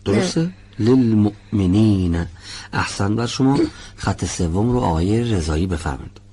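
A man teaching Quran recitation in a classroom lesson, patiently demonstrating sounds and reciting words in a slow, drawn-out chant. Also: fairly low pitch, lively intonation, a little mellow, slight background noise.

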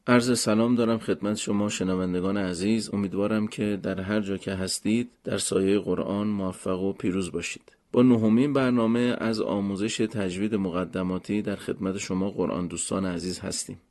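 A man with a somewhat low voice leads a formal lesson on pronouncing Quranic letters. He speaks politely and measuredly, laying out each point step by step. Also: fairly even intonation, hardly any pauses, darkish tone. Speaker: Quran recitation teacher. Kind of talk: formal instructional talk.

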